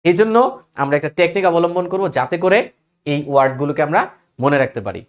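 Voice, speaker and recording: A man's voice: on the high side, quick pace. A man teaching an English grammar lesson, reciting word lists in a rhythmic chant and mixing English phrases into his explanations.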